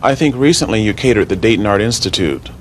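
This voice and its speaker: A man's voice: on the low side, expressive, fast talker, a little hiss or hum. A man hosting a local TV show, chatting casually with guests and laughing easily. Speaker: host. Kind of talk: casual TV interview.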